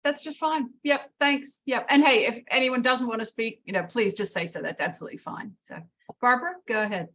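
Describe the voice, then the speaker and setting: A woman's voice: a little high, a little fast, a bit bright. A middle-aged woman leading an art workshop discussion, encouraging, often restarting her sentences. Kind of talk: casual group discussion.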